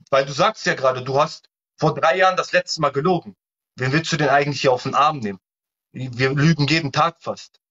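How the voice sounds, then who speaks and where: Heard through muffled, lo-fi live-stream audio, this online evangelist has a sharp voice on the high side. He preaches during a heated debate, scolding and repeating warnings of fire and brimstone.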